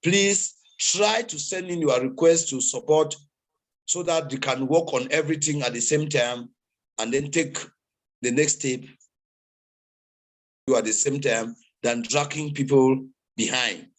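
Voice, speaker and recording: A man's voice: medium pitch, unhurried. A man hosting an online meeting, giving a preachy motivational talk to the crowd over a video call. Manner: preachy, exhorting crowd, repetitive.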